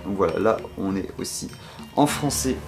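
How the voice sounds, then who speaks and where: A man's voice: deep voice, expressive, normal speed, music in the background. A man with a French accent talking casually about the games in his collection, hesitant and full of fillers and restarts. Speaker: game collector showing his purchases. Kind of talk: casual video commentary.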